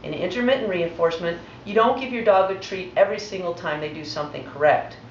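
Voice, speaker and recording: A woman's voice: lowish voice, fast talker, a little hiss or hum. A woman dog trainer giving a patient, methodical demonstration lesson. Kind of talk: instructional demonstration. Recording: roomy, distant, dull recording.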